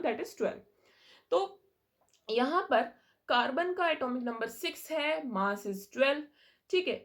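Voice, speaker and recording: Young woman, science teacher, patient explainer, slightly high pitch. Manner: patient, explanatory, mixes in English terms and checks understanding. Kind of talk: classroom lesson explaining chemistry.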